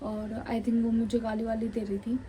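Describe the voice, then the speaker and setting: A woman's voice: on the high side, level tone, normal speed, warm tone, slight background noise, low-quality recording. A woman vlogger from Chandigarh, India, retelling a run-in in an indignant, emphatic storytime style. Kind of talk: storytime vlog.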